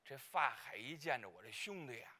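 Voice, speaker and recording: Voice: mid-range voice, sing-song, brisk, sharp tone. A performer playing a comic, gossipy married woman in Peking opera, speaking with a Beijing accent in a rambling, bumbling way. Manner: rambling, bumbling, fumbles names. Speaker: clown role in a staged opera.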